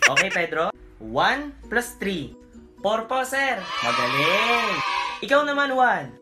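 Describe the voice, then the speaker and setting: A woman acting as a teacher in a skit, loud and lively. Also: medium pitch, slow, over loud music.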